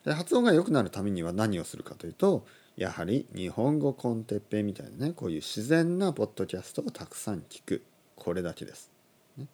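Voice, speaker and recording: A man in his thirties teaching on a casual podcast, animated, chuckling, and correcting his own phrasing aloud. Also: lowish voice, fast talker, slightly rough. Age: 30s. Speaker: Japanese language teacher, podcast host.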